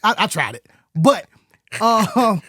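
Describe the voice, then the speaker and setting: A man co-hosting a casual sports podcast, talking in an animated, exclamatory way and swearing freely. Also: high voice, slow pace, no room sound, studio quality.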